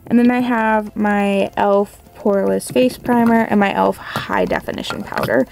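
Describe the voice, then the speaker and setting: A woman's voice: medium pitch, steady tone, moderate pace, gravelly, darkish tone. A young woman chatting casually to camera in a rambling, apologetic way, her speech slightly slurred by an appliance in her mouth for an overbite. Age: young adult. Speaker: beauty vlogger. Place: small bedroom at home.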